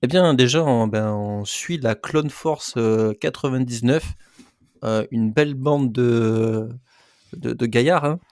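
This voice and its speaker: A man's voice: mid-range voice, slow pace, darkish tone, clean tone, no echo, studio quality. A man co-hosting a casual podcast, joking around and hesitating with many fillers. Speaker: podcast co-host.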